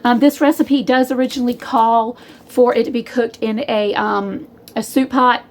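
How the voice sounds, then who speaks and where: A woman's voice: on the high side, steady tone, normal speed. A woman hosting a casual cooking video in her home kitchen, rambling in a chatty way and calling her viewers y'all. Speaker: home cook, channel host.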